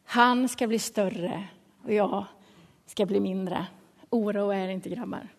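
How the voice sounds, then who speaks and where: A woman voicing a humble male prophet, speaking low, hushed and slow in a sermon. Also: fairly even intonation, gravelly, in a large hall. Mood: calm.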